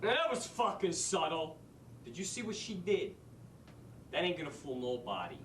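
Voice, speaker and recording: An actor playing a brash, wisecracking New street-smarts teacher in a stage monologue. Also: male voice, a little high, sing-song, normal speed, a bit bright, a little hiss or hum. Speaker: actor in a drama school showcase monologue. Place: theater stage. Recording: echoey stage from a distant mic.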